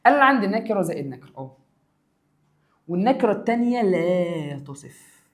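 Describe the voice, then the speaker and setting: A male teacher with an Egyptian accent rattles through an exam review at a brisk clip. He is lively and keeps repeating the key rules. He voices his students' questions, then answers them himself. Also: sits high. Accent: Egyptian Arabic.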